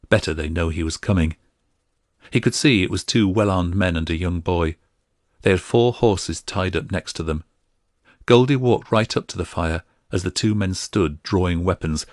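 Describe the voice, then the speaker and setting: A man narrating a fantasy audiobook in a steady, even storytelling manner. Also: sits low, no echo, studio quality. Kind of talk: scripted narration.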